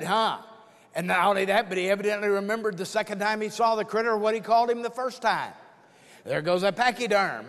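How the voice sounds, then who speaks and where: Older guy preaching, jokey folksy storyteller, high-ish voice, big echoey hall. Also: fairly bright tone. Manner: folksy storytelling with jokes and playful asides. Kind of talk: humorous expository sermon. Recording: long hall reverb.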